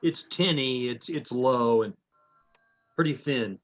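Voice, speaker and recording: Man on low-sample-rate video call audio. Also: takes it slowly. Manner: frank, plain-spoken critique. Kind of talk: casual group feedback on a video call. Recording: dull low-fidelity video call audio, faint music.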